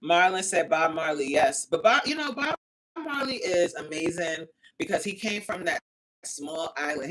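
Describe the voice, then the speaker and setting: Reading out her chat during a casual livestream, a woman from the United States talks in a lowish voice, laughing and exclaiming frequently in an animated, outspoken manner. The audio quality is poor.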